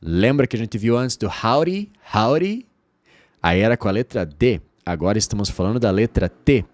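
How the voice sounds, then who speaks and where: Brazilian male English teacher, lowish animated voice, dry close sound, drills phrases slowly. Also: no echo. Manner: lively, repeats words slowly for the viewer to say aloud. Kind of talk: bilingual English lesson.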